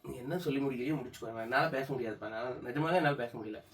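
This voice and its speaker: A man's voice: medium pitch, rapid-fire. A tearful man with a Tamil Nadu accent pleading in choked-up speech at home. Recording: distant voice with faint background noise.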